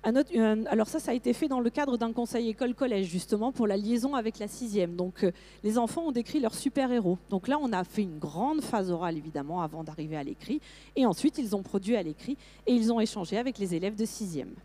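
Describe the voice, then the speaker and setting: A middle-aged woman giving a lively conference talk to teachers, with frequent fillers and restarts. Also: medium pitch, fast talker. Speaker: teacher trainer presenting to teachers.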